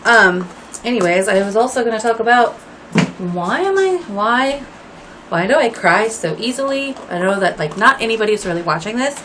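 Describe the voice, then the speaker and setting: A woman's voice: on the high side, lively intonation, moderate pace, noisy background. A woman in her thirties chatting casually to camera at home while dyeing her hair, rambling and apologetic with lots of fillers. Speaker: vlogger.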